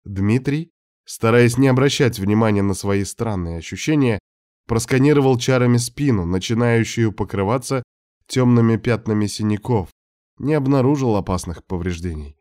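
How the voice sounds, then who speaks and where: A man narrating an audiobook in a steady, measured reading. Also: fairly low pitch, no echo, clean studio sound. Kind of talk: scripted narration.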